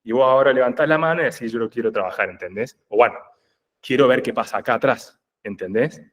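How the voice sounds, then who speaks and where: A man's voice: medium pitch, fast, fairly bright tone. A man with a Rioplatense Spanish accent explains conversationally as a group facilitator, in a didactic way, often checking that he is understood. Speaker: group facilitator in family constellations.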